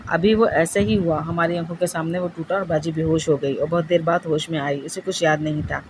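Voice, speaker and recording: A woman's voice: low-pitched, fairly even intonation, noisy background. A woman narrating a first-person ghost story in a plain, matter-of-fact way.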